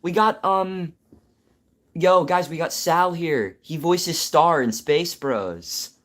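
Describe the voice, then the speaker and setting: A man chatting on a live stream, excitable and rambling, full of fillers and restarts as he talks about his animated show. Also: fairly high pitch, slow. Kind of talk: casual live stream chat.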